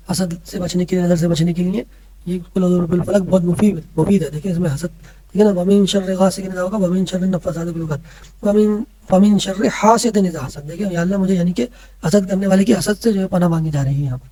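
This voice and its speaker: A man's voice: high voice, warm tone, a little hiss or hum, poor audio. A man teaching a religious lesson to children, patiently explaining and often checking that they follow. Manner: patient, keeps checking in with listeners.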